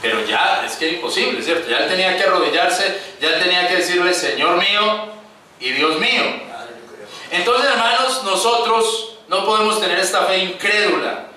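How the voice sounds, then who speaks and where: High bright preacher in an echoey hall. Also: male voice, animated, moderate pace. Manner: addresses the congregation as brothers, acts out quoted voices. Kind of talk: sermon. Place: church hall. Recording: echoey room, picked up from a distance.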